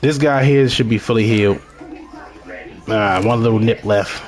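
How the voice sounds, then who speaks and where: With a fairly low voice at normal speed, this strongly accented Baltimore native talks viewers through his gameplay session, rambling casually as he goes.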